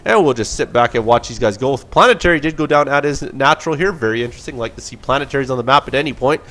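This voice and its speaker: A man's voice: medium pitch, animated, fast talker, a bit bright. A man casting a video game replay with play-by-play commentary, casual and joking. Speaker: game caster.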